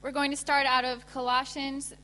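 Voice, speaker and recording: A young American woman from Indiana giving a sermon as a guest speaker, speaking in short phrases with pauses for an interpreter. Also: sits high, level tone, sharp tone, in a large hall. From Indiana, USA.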